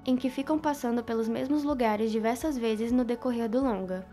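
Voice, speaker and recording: A woman narrates a film analysis in a steady reading voice that sits a little high. Faint music plays underneath her. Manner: even, reading aloud. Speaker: student presenter. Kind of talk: scripted video-essay narration.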